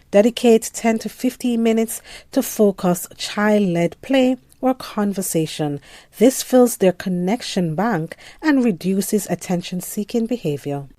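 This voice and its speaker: A woman reading scripted parenting tips in a calm, measured, gentle way. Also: mid-range voice, dry recording. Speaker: parenting educator. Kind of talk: scripted advice narration.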